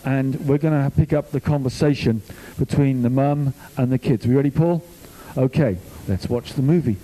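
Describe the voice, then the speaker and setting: An older Welsh man, a youth minister, delivers an informal sermon packed with jokes and stories in a chatty way. His voice is mellow and mid-range at a moderate pace, though the recording is rough.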